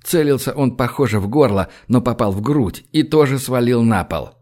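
A man's voice: medium pitch, lively intonation, normal speed, darkish tone. Man reading an audiobook aloud. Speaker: audiobook narrator. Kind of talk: audiobook reading with voiced characters.

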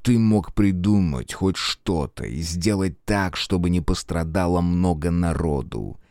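Male narrator voicing a cold, cruel heavy, deep slow hiss, dry. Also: warm tone, no room sound. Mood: menacing. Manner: slow, low hissing drawl. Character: menacing clawed man, calm and cruel.

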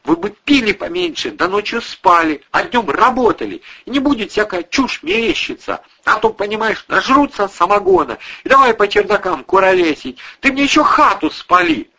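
A worn-out, angry village landlady scolds her lodgers in a high, shrill voice, acted by a man. Her pitch swings wide. The recording sounds dull and lo-fi. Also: big pitch swings, moderate pace, vocal fry, hardly any pauses, sharp tone, breathy edge, full character voice. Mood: scolding. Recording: dull lo-fi audio.

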